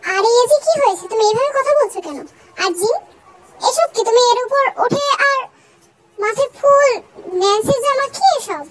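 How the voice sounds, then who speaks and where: A woman's voice: extremely high pitch, normal speed. A young woman voicing a puzzled older queen who complains indignantly. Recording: loud background hiss.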